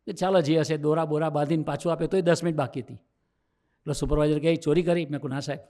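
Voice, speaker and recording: A man's voice: a little high, quick pace. A man, a monk, giving a talk to a youth assembly as a personal story, acting out the dialogue and lifting his voice to drive points home. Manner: lively storyteller who acts out quoted dialogue and rises for emphasis. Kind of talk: sermon told as a personal story.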